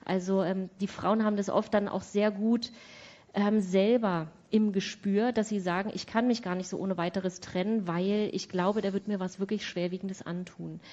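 Woman expert on a panel; mellow, measured and earnest, dull lo-fi sound. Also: mid-range voice, fairly even intonation. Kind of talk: panel discussion. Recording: dull lo-fi conference audio.

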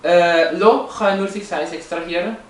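A man's voice: high voice, a little slow, a little hiss or hum. A man explaining language features from slides, hesitant, with many fillers and restarts. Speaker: presenter. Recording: roomy, echoey, from a distance.

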